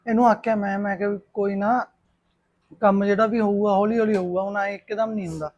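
In a Punjabi web series, an actor plays a protective, practical elder-brother figure who speaks briskly and firmly while reassuring others. His voice sits high, steady and a little mellow, on a lo-fi recording with slight background noise.

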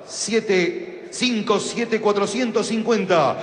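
A man introducing fights formally as a ring announcer, with showy drawn-out names in the manner of lucha libre, over a stadium PA. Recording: long booming arena reverb.

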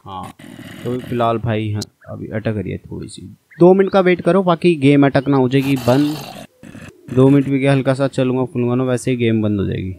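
A man's voice: mid-range voice, expressive, fairly quick, creaky, warm tone, a little hiss or hum. A young man giving casual, chatty commentary on his own gameplay and talking straight to his viewers. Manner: chatty, addresses viewers as brother. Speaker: gaming channel host.

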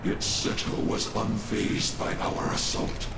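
A man's voice: takes it slowly, close to an everyday voice. An actor voicing a vengeful ancient male spirit, speaking with grave, solemn storytelling in a game cutscene. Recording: echoey with loud background noise.

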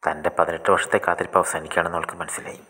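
A man narrates a scripted short story. His voice is deep and husky, with a bright edge. He reads briskly and often drops into a breathy half-whisper. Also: little pitch movement.

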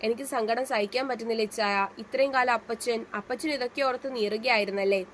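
A tearful young daughter, sorrowful and loving, in a storybook reading, as a woman narrator puts her on. Her voice is fairly high. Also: brisk, slight background noise, natural voice.

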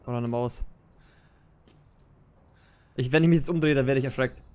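A man's voice: medium pitch, normal speed, darkish tone, slight background noise. A young man commenting on a horror game as a streamer, slangy and jumpy, yelping when startled. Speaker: let's play streamer. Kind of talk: casual gameplay commentary. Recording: game audio with music.

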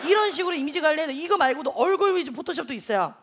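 A man's voice: very high-pitched, expressive, very fast, some chatter behind, heavily acted. A comedian playing a brash, chatty young female online-lecture teacher who teases a live audience in a TV comedy sketch. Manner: loud, bragging, teasing the audience. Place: TV comedy stage. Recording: studio audience laughter and noise.

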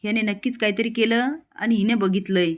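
A woman's voice: medium pitch, steady tone, brisk, close to an everyday voice. A woman doing a blunt scolding village grandmother. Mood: sharp, indignant. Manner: scolding, blunt rustic talk. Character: scolding village grandmother, old, sharp-tongued.

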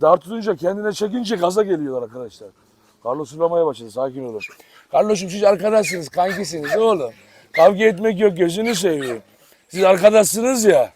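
Man, high voice, casual outdoor vlog, noisy yard. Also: animated, a little fast, darkish tone. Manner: talks to viewers and coaxes dogs affectionately. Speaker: dog farm vlogger.

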